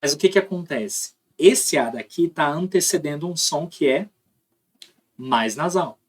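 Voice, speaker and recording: A man with a Brazilian Portuguese accent delivers a recorded linguistics lesson. He explains patiently, pauses to pronounce sample words aloud, and keeps checking that the listener is following. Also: fairly high pitch, expressive, husky. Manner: explanatory, demonstrates sounds aloud, frequent tag questions. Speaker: linguistics teacher.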